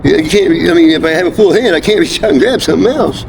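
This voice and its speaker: A middle-aged American man with a folksy country drawl, chatting casually in a rambling, halting, profane way. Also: animated, creaky. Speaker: homeless interviewee. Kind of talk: casual street chat. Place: outdoors near railroad and traffic. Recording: noisy outdoor recording with traffic rumble.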